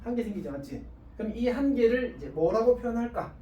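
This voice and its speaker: Male high school math teacher, casual and self-deprecating, faint hiss, distant mic. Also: animated, a little fast, mellow, echoey room, lo-fi sound. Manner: chatty, self-mocking, asks the class constant check questions. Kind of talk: casual classroom lecture. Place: classroom with students.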